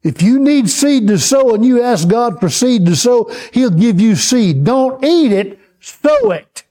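A man preaching a sermon, teaching slowly and checking in with the congregation as he goes. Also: very high voice, very animated, mellow. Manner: slow, repetitive, checks in with the congregation. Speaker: pastor.

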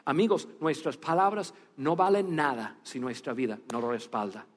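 A man preaching a sermon, telling a story with animation and then speaking in a hushed, earnest tone. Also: mid-range voice, sing-song, moderate pace. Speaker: pastor. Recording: long reverb of a church hall.

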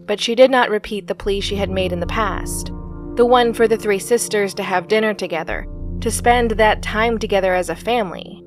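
A woman reading a story aloud in a calm, measured narration. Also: mid-range voice, soft background music.

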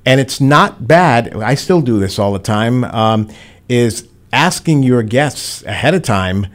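A middle-aged man, a veteran radio DJ giving rambling advice in a studio chat and telling stories with animated quoted voices. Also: mid-range voice, slow pace.

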